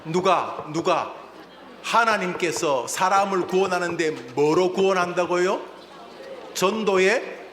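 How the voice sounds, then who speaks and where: A man's voice: sits high, slow pace, a bit bright, slight background noise. A man preaching a sermon as senior pastor, leading the congregation in call-and-response and having them repeat phrases. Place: church sanctuary. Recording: reverberant church hall.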